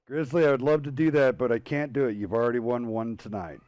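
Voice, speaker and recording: A man hosting a weekly online tank match show, calmly announcing players and giveaways. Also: medium pitch, fast. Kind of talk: esports commentary.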